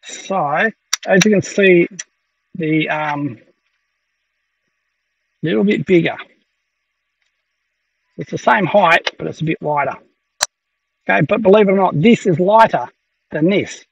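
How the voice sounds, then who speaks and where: In a home workshop with 3D printers going, a tech reviewer with a high, gravelly voice talks slowly and pauses often through a casual gear review. He hesitates, with plenty of ums and restarts, and the muffled recording suggests a somewhat distant mic.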